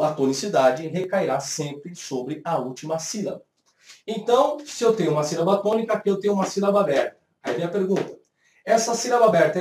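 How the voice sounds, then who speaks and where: A man's voice: fairly high pitch, a little mellow. A man with a Brazilian Portuguese accent teaching a grammar lesson step by step, voicing his students' questions himself. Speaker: Hebrew teacher. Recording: echoey room, voice from a distant mic.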